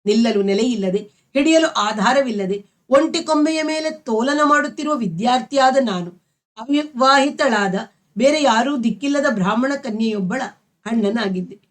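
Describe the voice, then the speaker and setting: A woman storyteller reading a novel aloud in a measured, expressive way. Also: fairly high pitch.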